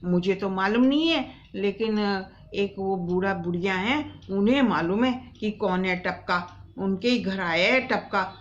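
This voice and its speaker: A woman's voice: mid-range voice, unhurried, muffled recording, slight background noise, close to an everyday voice. A woman voicing a frightened lion in a children's bedtime story, hesitant and fearful. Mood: scared. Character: frightened male lion, jungle king.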